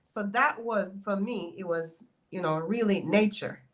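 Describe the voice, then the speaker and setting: A woman from Jamaica with a Jamaican accent, telling her story as an interview guest in a playful, animated way. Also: medium pitch, measured pace. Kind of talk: casual interview chat.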